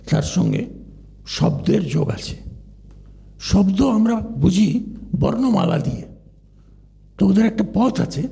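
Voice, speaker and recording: A man's voice: high voice, vocal fry, mellow. An older man giving a philosophy lecture in a discursive way, stopping to ask the audience questions.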